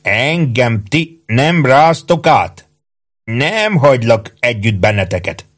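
A man's voice: medium pitch, sing-song. A man voicing a bossy, suspicious army sergeant who bellows orders in rustic, slurred speech.

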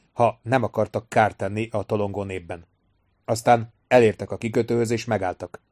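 A man narrating an audiobook in a steady, measured reading. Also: lowish voice, no echo, studio quality. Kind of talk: scripted narration.

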